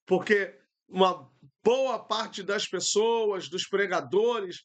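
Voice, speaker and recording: Slow, high-voiced Brazilian pastor teaching. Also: male voice. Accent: Brazilian Portuguese. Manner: patient, explanatory, pauses with fillers. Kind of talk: live-streamed online Bible lesson.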